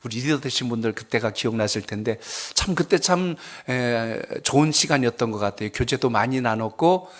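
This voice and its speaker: A man's voice: medium pitch, animated, brisk, hardly any pauses. A male pastor preaching a sermon at a prayer service, telling stories and asking the congregation questions. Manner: conversational storytelling, asks the congregation questions.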